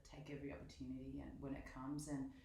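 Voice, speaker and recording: A woman's voice: very deep voice, level tone, fast talker, gravelly, warm tone. A woman being interviewed as a performer, chatting casually, laughing easily and talking with many fillers. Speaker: guest performer. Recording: very echoey room with faint noise.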